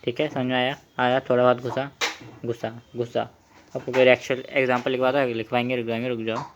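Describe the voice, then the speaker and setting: A man's voice: medium pitch, little pitch movement, quick pace, noisy background. A young man teaching a chemistry lesson while he writes, asking the class questions and repeating key terms.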